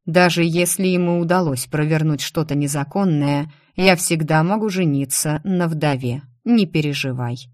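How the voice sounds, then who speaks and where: A woman reading the part of a calm, protective duke and mage who speaks quietly and reassuringly. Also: deep voice, normal speed, hardly any pauses, no echo, studio quality, close to an everyday voice.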